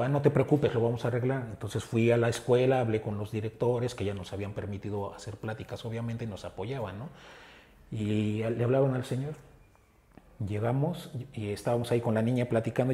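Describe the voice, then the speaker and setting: A man with a Mexican Spanish accent, an animal rescuer, talking earnestly in an interview and often pausing on filler words. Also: lowish voice, fairly even intonation, mellow. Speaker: animal rescue group founder. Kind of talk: casual interview talk. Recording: roomy echo with faint ambience.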